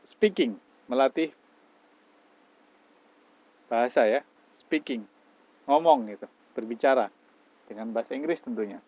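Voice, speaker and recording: A man's voice: mid-range voice, a little slow, long pauses, darkish tone, lo-fi sound. A man teaching English, explaining step by step and mixing English phrases into his lecture. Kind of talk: classroom lecture.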